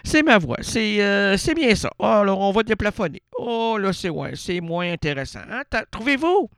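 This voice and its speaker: A man with a Québécois accent, pitched a little high and smooth in tone, rambles through an absurd improvised radio bit. He sounds playful, chuckling at his own jokes, recorded dry and close at a studio mic. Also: very animated, moderate pace, a bit bright, dry recording. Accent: Québécois French. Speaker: radio host.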